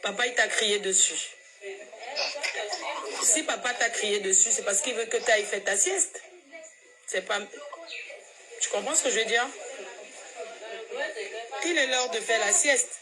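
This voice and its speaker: A woman from Cameroon, a mother coaxing her child on a speakerphone call. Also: a little high. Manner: coaxing, patient with her child, then hurried and loud. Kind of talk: casual phone call vlog. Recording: crowd chatter behind.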